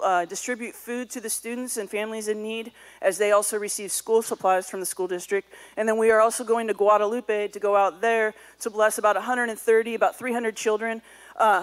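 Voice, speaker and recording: A woman giving church announcements in a sanctuary, conversational with casual fillers. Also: fairly high pitch.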